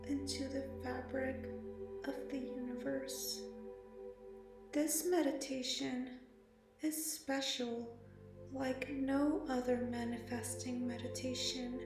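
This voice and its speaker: A woman speaking slowly and softly with long pauses, guiding a meditation. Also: sits high. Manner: slow, soft and soothing, with long pauses. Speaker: meditation guide. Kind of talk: guided meditation narration. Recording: very echoey, slightly distant, music behind. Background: meditation music and singing bowl.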